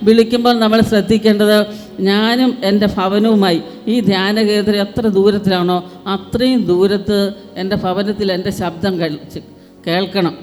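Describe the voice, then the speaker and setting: Give me a male prayer leader calling out fervent exhortations in a big reverberant hall. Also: high-pitched. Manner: fervent, building from calm to shouted exhortation. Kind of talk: leading charismatic group prayer. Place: large retreat-centre prayer hall. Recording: reverberant hall with faint music.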